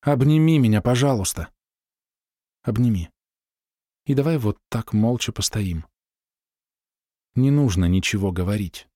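Young woman in love, pleading, soft, man reading her lines, dry close sound. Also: fairly low pitch, lively intonation, unhurried, pauses often, no echo. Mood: tender. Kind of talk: audiobook dialogue read by narrator.

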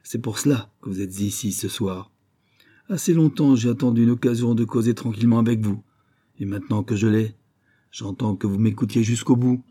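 A man's voice: fairly low pitch, normal speed, mellow, slightly rough. A man reading a blustering, jealous rich man. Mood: angry resentment. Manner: resentful, blustering and insistent. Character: jealous, bullying middle-aged rich husband.

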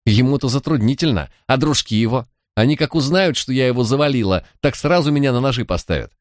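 A man's voice: mid-range voice, fast talker, no room sound, studio quality, voice pushed up, lightly acted. A man voicing a streetwise young woman thief, sulky, stubborn and full of defiant slangy back talk. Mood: defiant whining.

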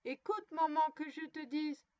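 A woman putting on a high pleading little girl. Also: unhurried, darkish tone. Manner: pleading, tearful. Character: frightened sickly little girl, nine. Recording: dull dry lo-fi recording.

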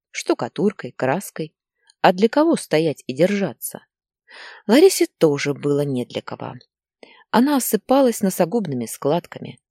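A woman reads a literary story aloud in a measured manner. Her voice sits low but moves with lively intonation, recorded close and dry with no room around it. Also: no echo. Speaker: narrator. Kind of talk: audiobook narration.

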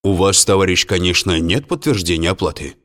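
A man's voice: low-pitched, brisk, a bit bright. A man voicing a stern, suspicious notary who talks in a curt way.

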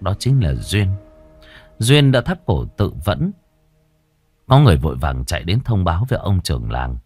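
A man's voice: lowish voice, a little mellow, no room sound, studio quality. A man narrating a horror story in a dramatic, vivid manner, lingering on grim details.

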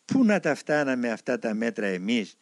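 A man reading a spiritual memoir aloud as narrator, with expressive storytelling. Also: mid-range voice, no echo, clean studio sound.

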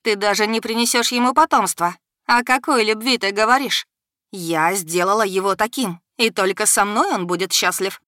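A woman's voice: mid-range voice, animated, unhurried, hardly any pauses, sharp tone, dry recording, studio quality, pitched above the performer's own voice. A woman voicing a proud, vengeful goddess who hisses in fury. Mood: hissing fury. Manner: hissing, furious.

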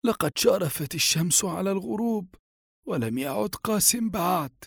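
A man's voice: sits high, expressive, moderate pace, gravelly, slightly rough, no echo, studio quality, voice pushed up, full character voice. A man voicing a worried, stern old grandfather in an audiobook, speaking firmly. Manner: firm, anxious pleading.

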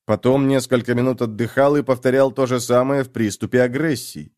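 A man reads an audiobook chapter aloud, telling the story steadily and expressively. His voice sits at an ordinary middle pitch. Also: fairly even intonation, fairly quick, darkish tone, dry recording, clean studio sound. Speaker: narrator. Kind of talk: audiobook reading.

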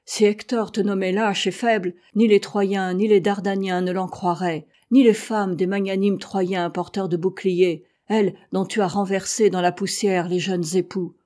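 An old charioteer pressing urgent counsel on a younger fighter, read by a woman narrating an epic. His tone is mellow and warm. Earnest and advising throughout. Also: mid-range voice, steady tone, moderate pace, hardly any pauses, natural voice.

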